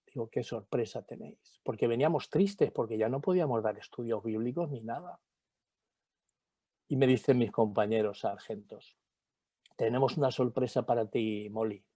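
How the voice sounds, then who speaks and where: Spanish pastor, middle-aged man, animated testimony, mellow tone, dry close sound. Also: mid-range voice, normal speed, dry recording. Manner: animated storyteller acting out dialogue. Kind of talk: personal testimony.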